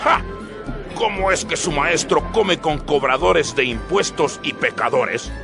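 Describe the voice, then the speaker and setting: A man putting on a gravelly scornful Pharisee. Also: a little high, animated, measured pace, voice pushed up. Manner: mocking, accusing. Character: scornful male Pharisee, suspicious and accusing. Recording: music bed behind voice.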